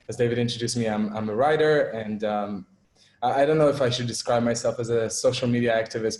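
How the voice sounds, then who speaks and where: A man's voice: on the low side, a little mellow, reverberant. A young man from Israel giving an online talk as guest speaker, hesitant, with many fillers and restarts.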